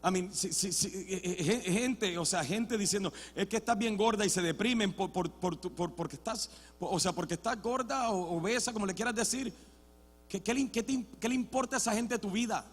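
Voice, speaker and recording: High-voiced bilingual preacher in a reverberant hall. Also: male voice, fairly quick. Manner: switches between Spanish and English mid-sentence; builds to loud shouted passages, then drops to quiet. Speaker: pastor. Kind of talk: sermon. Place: church sanctuary.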